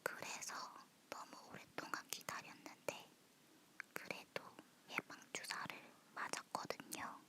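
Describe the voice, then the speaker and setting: Speaking in a soft, close whisper as though leaning toward the listener, this woman hosts an ASMR session of leisurely personal chat. Her breath sounds come through bright and crisp.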